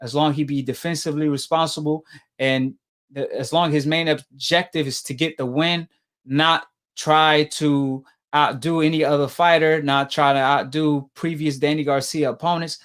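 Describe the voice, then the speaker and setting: A man hosting a call-in show in casual sports talk, polite and measured. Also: a little high, fairly even intonation, a bit bright. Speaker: host of a boxing call-in show.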